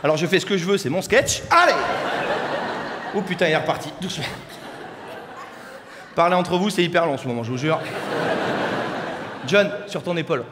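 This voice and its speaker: With long pauses and a moderate pace, a young man delivers an expressive, slightly high-voiced stand-up set that's rowdy and crude, bantering with a crowd in a large hall. The background is noisy, with live hall reverb and faint crowd ambience.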